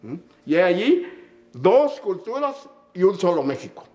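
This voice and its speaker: Older man, Mexican accent, emphatic lecturing tone, lively swooping pitch, slightly raised voice. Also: a little slow, muffled recording. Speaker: conductor and musician. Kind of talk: anecdotal storytelling in an interview.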